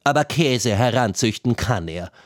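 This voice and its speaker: A man's voice: medium pitch, expressive, normal speed, no room sound, clean studio sound, lightly acted. A man voicing a scornful middle-aged mother who mocks and jeers, in a storybook reading. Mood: mocking. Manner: mocking, jeering.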